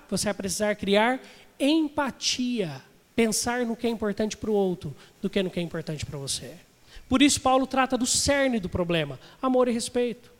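A man preaching a sermon as a pastor, chatting with his congregation and asking them questions. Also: sits high. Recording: long hall reverb.

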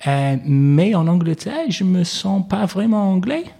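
English guy in his 20s speaking french slowly, lots of euh and oui oui, dark gravelly tone. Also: sits high, very animated. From England. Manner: hesitant, many fillers and repeated yes. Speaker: interviewee. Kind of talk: casual conversation.

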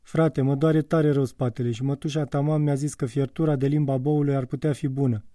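A man's voice: medium pitch, steady tone, dark tone, no echo, clean studio sound, distant mic, lightly acted. A man reading an audiobook, voicing a defiant young woman narrator who speaks earnestly and reproachfully. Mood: pleading.

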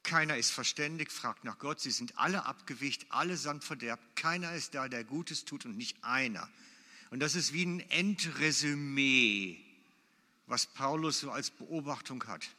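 A man's voice: mid-range voice, moderate pace, bright, forceful tone. A man preaching a sermon in German, emphatic and repeating his key phrases for weight. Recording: long hall reverb.

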